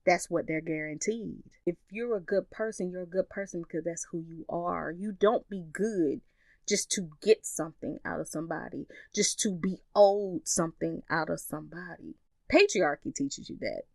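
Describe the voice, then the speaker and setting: Low-voiced woman hosting a solo podcast. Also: moderate pace, vocal fry, no room sound. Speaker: podcast host.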